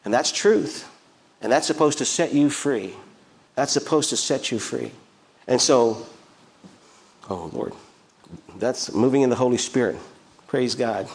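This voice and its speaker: A man's voice: medium pitch, unhurried, long pauses. A man preaching a sermon as pastor in a church, emphatic, with repeated phrases and rhetorical questions. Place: church sanctuary.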